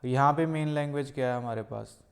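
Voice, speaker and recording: A man teaching a test-prep lesson, explaining step by step in Hindi mixed with English and reading English phrases out slowly. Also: mid-range voice, gravelly. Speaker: IELTS tutor.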